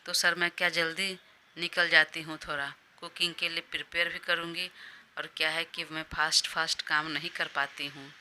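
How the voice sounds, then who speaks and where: A woman's voice: low-pitched, flat delivery, normal speed, bright, forceful tone, a little hiss or hum. A woman reading a storybook part, voicing a scheming young female assistant who pleads and coaxes her boss. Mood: coaxing. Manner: pleading, coaxing.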